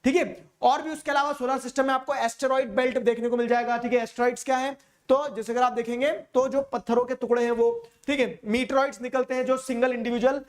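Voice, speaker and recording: A man's voice: very high-pitched, fairly even intonation, quick pace. A man teaching a geography lecture in a casual, chatty way, often stopping to check that listeners follow. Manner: keeps asking listeners if they follow. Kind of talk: explanatory lecture.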